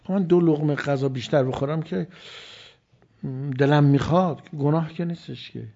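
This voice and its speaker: A man giving a religious sermon, swinging between loud emphasis and hushed, near-whispered lines. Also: on the high side, gravelly. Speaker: preacher. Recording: dull lo-fi recording.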